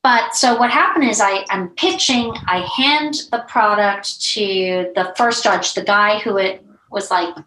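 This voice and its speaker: A middle-aged woman, a brand founder, tells stories as a guest in a casual interview. She is animated and chatty, full of fillers and little asides, at an ordinary middle pitch. Her voice carries a roomy echo. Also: unhurried, a little hiss or hum. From United States.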